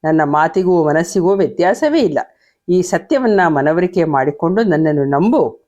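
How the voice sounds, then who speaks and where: A woman's voice: on the low side, expressive, normal speed, mellow, lo-fi sound, lightly acted. A woman reading the lines of an old king coaxing and pleading with his angry queen.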